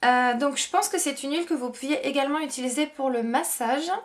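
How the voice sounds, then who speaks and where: A woman's voice: high voice, fairly quick. A young woman chatting casually as a beauty vlogger, with many fillers and restarts. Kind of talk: casual product review chat.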